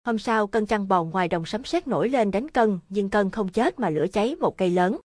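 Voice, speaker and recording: A woman giving a steady, scripted narration of a horror story. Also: medium pitch, a little fast, no echo, clean studio sound.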